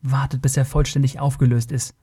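Brief: sly master thief, hushed and quick, proud of his craft, as a male narrator puts him on. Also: medium pitch, level tone, breathy edge. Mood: tense.

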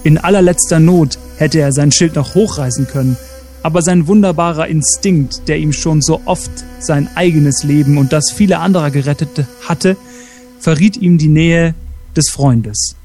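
Dark-voiced man reading a story aloud. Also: fairly high pitch, normal speed, soft background music. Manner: reads steadily, with small slips and self-corrections. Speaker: storyteller and co-host.

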